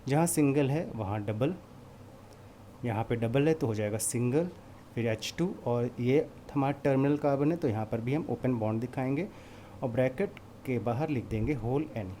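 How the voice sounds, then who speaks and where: A man's voice: mid-range voice, moderate pace, mellow, a little hiss or hum. A male chemistry teacher lecturing a class. He goes step by step, puts questions to the class and answers them himself, and mixes English terms into his speech.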